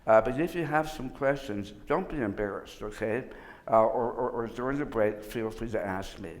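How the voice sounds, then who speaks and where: A man with a mid-range voice leads a relaxed workshop lecture, his words shaped a little unusually by an old tongue surgery. He often stops and restarts a sentence and sometimes jokes dryly about himself. A long reverb fills the large hall around him. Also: mid-range voice, moderate pace. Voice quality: slightly unusual articulation after tongue surgery. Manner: informal, restarts often, dry self-mocking humor. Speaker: workshop presenter.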